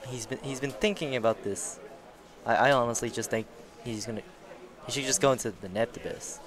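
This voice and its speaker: A laid-back man calls a card game match live, talking at an average pitch. He chats loosely, laughs a lot and swears without thinking. Steady crowd chatter fills the background of the venue. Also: fairly quick. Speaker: tournament commentator. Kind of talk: casual live commentary. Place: busy card tournament venue.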